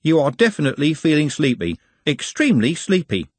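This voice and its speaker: A man plays an easygoing young man who shrugs things off, voiced a bit higher than the reader's own. His husky tone is dry and up close. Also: huge pitch swings, a little fast, dry recording, exaggerated voice. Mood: casual. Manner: casual, shrugging.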